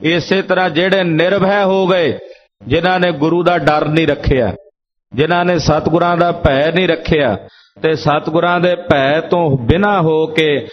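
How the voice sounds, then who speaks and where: A man's voice: fairly high pitch, fairly even intonation, normal speed. A man preaching a Sikh sermon, explaining each sung verse by repeating its meaning in several phrasings. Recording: lo-fi dull recording.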